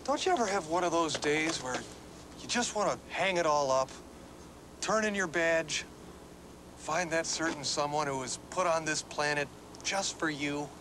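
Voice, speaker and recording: An actor playing a meek, wistful police sidekick in a film comedy. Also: male voice, on the high side, moderate pace, background noise, close to an everyday voice. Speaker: police officer. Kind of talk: 1980s film comedy acting.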